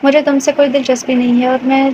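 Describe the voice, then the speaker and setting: Cold, harsh young man jilting his bride, read by a woman in a high, flat voice; dull lo-fi take. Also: lightly acted. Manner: curt and harsh. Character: young man abruptly breaking off engagement, cold. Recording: dull lo-fi with faint hiss.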